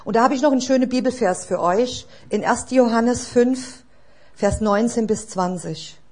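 A woman's voice: fairly high pitch, normal speed, darkish tone. A woman preaching a sermon in an earnest, exhorting way, asking the listeners direct questions.

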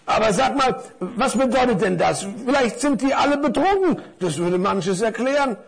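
Man voicing a muddled thick scarf, slow-witted and puzzled, with a lively, high voice. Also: gravelly, breathy edge, heavily acted.

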